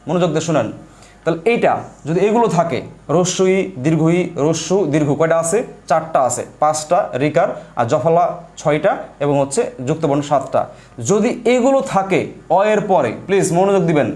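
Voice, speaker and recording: A man with a high-pitched voice and a Bangladeshi Bengali accent leads an online language lesson. He drills each rule by asking a question and answering it himself, and he slows down to spell out letters one by one. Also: darkish tone. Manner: repetitive, asks and answers own questions. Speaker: teacher. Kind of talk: online class lecture.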